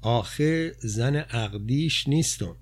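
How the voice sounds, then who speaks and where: A plain-spoken young woman, as a male reader puts her on tells of her hard past in a low, confiding voice. She is blunt and quick to defend herself. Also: animated, close to an everyday voice.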